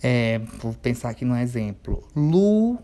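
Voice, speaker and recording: Man, teacher of young kids, patient, drawls words out slowly to spell them, keeps checking that the class follows. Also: medium pitch, expressive, a little mellow. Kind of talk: remote workbook lesson for children.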